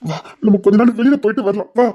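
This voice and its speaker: A woman's voice: medium pitch, quick pace, dark tone, lo-fi sound, natural voice. A woman playing a tender, pleading comforter with a Tirunelveli Tamil accent. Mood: pleading, soothing. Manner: soothing, pleading, repeats reassurances. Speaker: close companion consoling a grieving woman. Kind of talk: emotional web drama acting.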